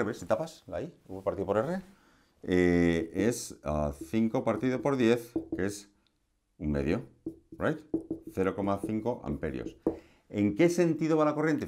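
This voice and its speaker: Man, electronics teacher, chatty and playful, lowish voice, lesson recorded at a board. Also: a little mellow. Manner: chatty, asks rhetorical questions, playful asides.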